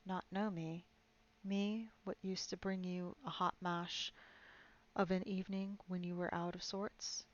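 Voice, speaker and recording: Woman playing a kindly cab driver, folksy, blunt, low voice, dull stream audio. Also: flat delivery, unhurried, close to an everyday voice. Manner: folksy, drops his g's, blunt. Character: plain-spoken kindly male cab driver.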